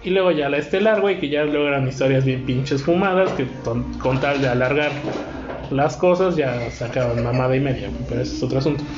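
A man's voice: medium pitch, a little fast. A man with a Mexican accent chatting casually as a podcast host, in slangy, swearing, bro-like banter. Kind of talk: casual group chat. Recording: roomy, slightly dull, music behind.

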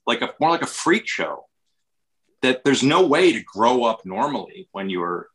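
Man, American accent, casual chat, rambling, bright tone. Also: mid-range voice, sing-song, a little slow, low-quality recording. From Westchester, New York, USA. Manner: rambling, many restarts and fillers.

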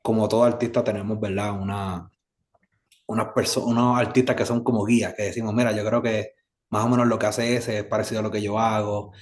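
A Puerto Rican man with a fairly low voice speaks as a guest on a casual interview. He talks in an easygoing, meandering way and leans on plenty of fillers. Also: level tone, brisk. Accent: Puerto Rican Spanish. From Puerto Rico. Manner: easygoing, rambling, with many fillers. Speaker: musician guest.

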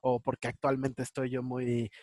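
A man in a casual conversation, reflecting out loud and working through examples. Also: medium pitch, completely flat delivery, moderate pace, no room sound, studio quality.

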